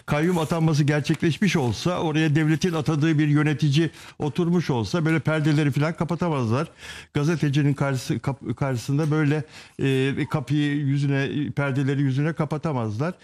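An older man commenting as a panelist on a live TV studio show, explaining in a halting, deliberate way. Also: a little high, steady tone, darkish tone.

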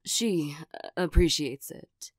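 A woman as a shy, stammering cat girl, unhurried. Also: deep voice, husky, no room sound, exaggerated voice. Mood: flustered, nervous. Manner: hesitant, stammering, giggly. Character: flustered, shy, nervous female cat creature with claws. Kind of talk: ASMR role-play, soft-spoken.

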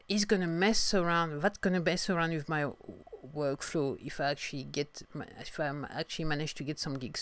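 A woman's voice: low voice, dry recording. French-accented woman musing with many restarts. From France. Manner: halting, many restarts and fillers. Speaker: podcast host, singer-songwriter. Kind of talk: casual monologue.

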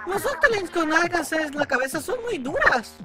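A very high-voiced young female agent snaps out brisk, encouraging orders in dubbed video game dialogue. Game music plays behind her. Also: sing-song. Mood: advising. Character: young female agent radioing mission advice. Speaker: video game guide character.

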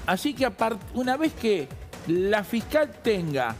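A man's voice: high-pitched, sing-song, unhurried, faint music behind. A man on a TV news panel, talking insistently and cutting in on others. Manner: insistent, interrupting. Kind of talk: TV panel discussion. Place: TV studio.

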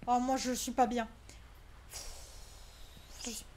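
A woman's voice: a little high, little pitch movement, takes it slowly, a little mellow, a little hiss or hum. A woman streaming a horror game, talking jumpily and anxiously, swearing and exclaiming as she plays. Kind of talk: live gaming commentary.

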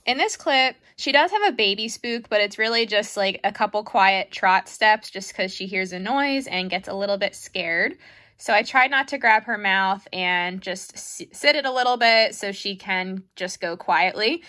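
A woman's voice: medium pitch, expressive, normal speed, bright, forceful tone. A young woman giving a casual, chatty voice-over of her own horse riding footage, with a self-deprecating manner and frequent "like". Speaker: equestrian vlogger.

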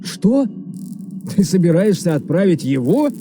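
An actor voicing a skeptical, excitable male officer who argues in dubbed video game dialogue. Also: sits high, a little slow. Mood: incredulous. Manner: incredulous, argumentative. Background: game music.

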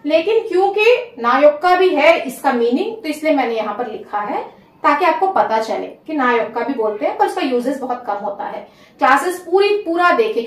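A woman teaching a spoken language lesson, speaking slowly and repeating each phrase so learners can note it down. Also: high voice, reverberant, recorded from a distance.

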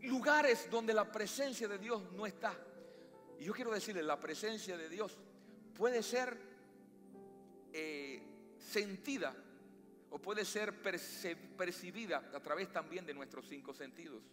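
A man with a Latin American Spanish accent preaching a sermon as pastor, with emphatic rises and slow, stressed phrases. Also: high-pitched, expressive, a bit bright. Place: church sanctuary. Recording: long church reverb with faint music.

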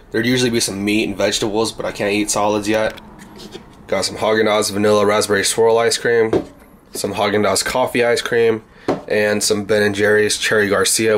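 A man in his twenties keeping a casual video diary, talking with a swollen mouth after wisdom teeth removal. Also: on the low side. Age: 20s. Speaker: vlogger. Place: parked car and rooms at home. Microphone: handheld camera at arm's length. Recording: noticeable background noise, handheld camera.

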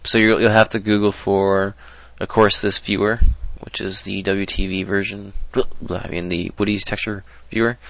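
A man's voice: lowish voice, flat delivery, normal speed, gravelly, hardly any pauses, fairly bright tone, a little hiss or hum. A man talking through a casual screen-recorded modding tutorial, rambling and hesitant with many ums and restarts, on a desktop mic. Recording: dull lo-fi dry mic.

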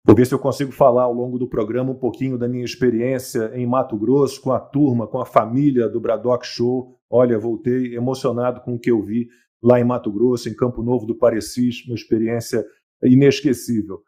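A man with a dark, mellow voice hosts a live talk show. He chats easily, greets guests by name and tags his points with little questions. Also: medium pitch, level tone, a little fast. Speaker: show host.

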